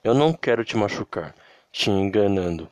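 Diogo, a man voicing a gentle young guy. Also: on the low side, expressive, normal speed, no room sound, close to an everyday voice. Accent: Brazilian.

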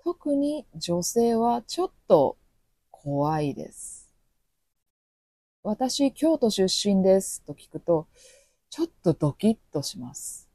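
A woman teaching Japanese with a Kansai accent, speaking slowly and clearly and acting out short quoted lines. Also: fairly low pitch, very animated, mellow, no room sound. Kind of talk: podcast language lesson.

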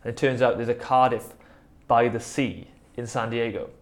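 A man's voice: mid-range voice, fairly even intonation, normal speed. A man from the South Wales Valleys with a Welsh Valleys accent, talking as a musician in a casual interview, rambling and self-deprecating as he tells his story. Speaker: musician and producer in a band, interview guest. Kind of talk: casual conversational anecdote.

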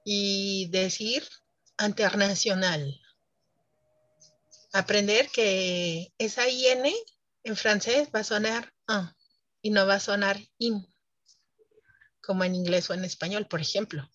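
A woman speaks as a French teacher in an interview, explaining with emphasis and laughing often. Her voice sits at an ordinary pitch. The recording is dry and dull, a little lo-fi. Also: moderate pace, fairly bright tone, no echo. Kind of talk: interview conversation.

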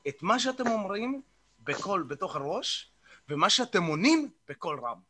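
A man hosting a morning online group session on a video call, talking informally in a coaching style and leading a short guided meditation. He often repeats words and fills pauses with "uh.". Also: sits high, sing-song, pushed and bright, a little hiss or hum.

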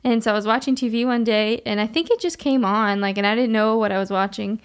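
Woman, young adult, podcast host, fairly high voice, chatty, fillers. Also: fast, clean tone. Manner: chatty storyteller, many "like" and "you know" fillers. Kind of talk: casual chat.

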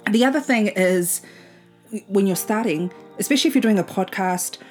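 A woman's voice: medium pitch, normal speed, darkish tone, faint music behind. A woman of about twenty-nine, chatting informally as the host of a solo podcast recorded at home. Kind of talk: casual solo podcast talk.

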